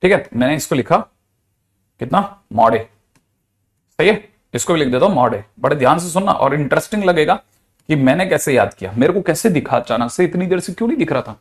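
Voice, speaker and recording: A man's voice: a little high, lively intonation, brisk. A man, a physics teacher giving a chatty, playful lecture. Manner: chatty, playful, with mixed Hindi-English math terms.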